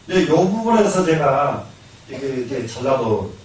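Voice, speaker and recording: A man's voice: mid-range voice, very animated, unhurried, a little mellow. An older man, a Buddhist monk with a Jeolla Korean accent, giving a lecture. He repeats key lines, asks questions and answers them himself, and chuckles now and then. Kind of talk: classroom lecture. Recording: echoey hall, mic from far off.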